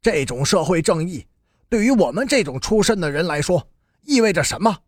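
A man's voice: high-pitched, very animated, moderate pace, dry recording, clean studio sound. A man voicing a bitter, cynical young brawler who sneers defiantly. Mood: sneering.

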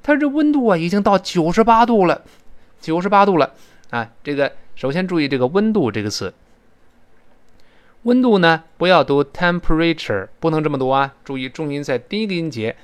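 A man's voice: a little high, animated, a little fast, smooth. A male teacher explaining English words, spelling them out and modelling their pronunciation. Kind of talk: spoken English lesson.

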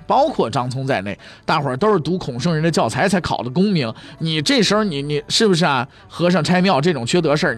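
A male storyteller narrating history in a joking pingshu manner, his voice sitting fairly high and leaping all over its range. He keeps tossing rhetorical questions at the audience. Soft music plays faintly under him. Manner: lively, jokey asides and rhetorical questions to listeners.

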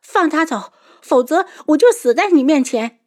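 A woman voicing a fierce, headstrong young noblewoman in an audiobook, shrill and impassioned. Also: expressive, moderate pace, darkish tone. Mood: desperate. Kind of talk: audiobook character voice.

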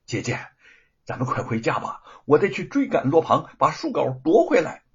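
A man voicing a calm, commanding young swordswoman in a told story, coolly threatening. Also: on the high side, moderate pace, breathy edge, lo-fi sound, voice pushed up, heavily acted. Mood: urgent. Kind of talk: storybook character voice.

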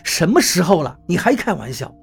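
A man doing a panicky high-voiced Taoist priest. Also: big pitch swings, brisk, vocal fry, breathy edge, soft background music, exaggerated voice. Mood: exasperated. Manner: loud, pleading, flustered.

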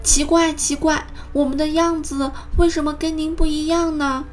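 A woman voicing a group of little tadpoles with high, childlike calling. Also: level tone, normal speed, faint music behind, close to an everyday voice. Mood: excited. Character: little tadpoles, young, eager and curious.

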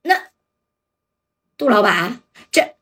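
A woman's voice: mid-range voice, sing-song, slow, fairly bright tone, breathy edge, heavily acted. A woman storyteller voicing a young woman who is frightened and indignant, raising her voice.

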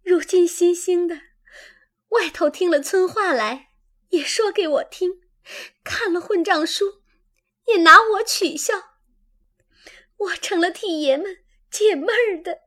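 A woman's voice: high-pitched, expressive, unhurried. Woman doing a fragile, sensitive young noblewoman. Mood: tearful. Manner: plaintive, wounded. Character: delicate young noblewoman, sensitive and quick to tears.

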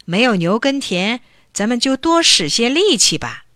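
A woman's voice: a little high, big pitch swings, moderate pace, fairly bright tone, dry recording, studio quality. Woman doing a blunt scolding farm wife, bossy, raised voice, storybook. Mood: urging. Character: poor farmer's scolding wife, blunt and urgent.

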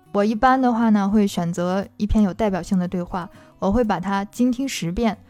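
A woman teacher explains how to practise listening in a patient, methodical way. Her voice is mellow and warm rather than bright, at an ordinary mid pitch. Soft music plays faintly behind her. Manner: patient, explains with worked examples. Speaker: German language teacher.

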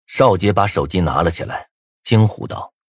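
A man narrating a first-person novel in a dramatic, expressive way, with a husky voice. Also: low voice, normal speed, dry recording, clean studio sound. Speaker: audiobook narrator.

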